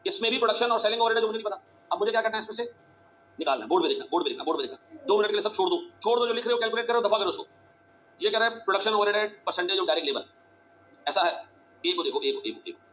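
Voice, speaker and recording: A male teacher giving a classroom lecture, talking fast and urgently, repeating phrases and quizzing his students. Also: high-pitched, animated, bright, forceful tone, a little hiss or hum.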